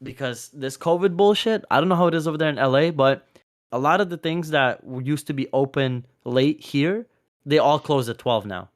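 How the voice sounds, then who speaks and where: A man's voice: fairly high pitch, moderate pace, no echo, studio quality. A young man on a podcast, telling rambling stories in casual, profane chat. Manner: rambling storyteller, swears freely, many fillers. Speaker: podcast co-host.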